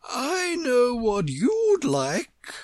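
A man voicing an imperious, bossy, politely condescending Queen in a storybook, with a shrill, swooping, grandly drawn-out delivery. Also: huge pitch swings, no echo, studio quality, full character voice. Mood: condescendingly gracious.

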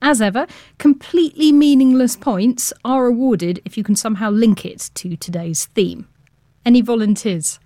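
A woman's voice: fairly high pitch, normal speed, dark tone, dry recording, clean studio sound. A woman presenting a radio science show in an informal, playful, chatty way.

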